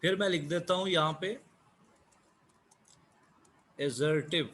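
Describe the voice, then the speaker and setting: Slow, deliberate male teacher. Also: a little high, fairly bright tone. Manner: slow, repeats key words. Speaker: English teacher. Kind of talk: online class lecture.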